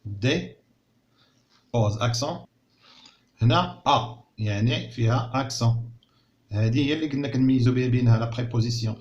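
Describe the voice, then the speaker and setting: A man teaching a recorded lesson in Moroccan Arabic. He repeats words slowly and carefully, then explains them in Arabic. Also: medium pitch, darkish tone, dull audio. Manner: slow, drawn-out word repetition. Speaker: primary school teacher.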